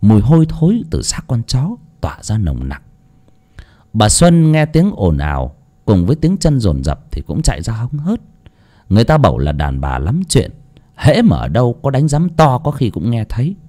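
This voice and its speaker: A male storyteller reads an audiobook. His mid-pitched voice swings widely as he dramatizes each scene. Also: moderate pace. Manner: expressive, dramatic reading. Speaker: audiobook narrator. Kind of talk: storytelling narration.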